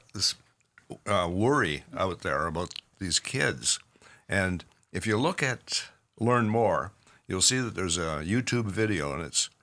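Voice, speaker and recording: A man with a Canadian accent co-hosting a podcast in casual chat, pausing often on fillers as he talks. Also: sits low, bright, forceful tone. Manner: halting, with many fillers. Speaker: podcast co-host, clinician.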